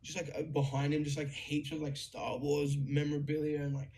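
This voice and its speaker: A young man telling a story in a casual chat, excited, swearing freely and full of fillers. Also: fairly high pitch, brisk, crowd noise. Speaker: guest musician.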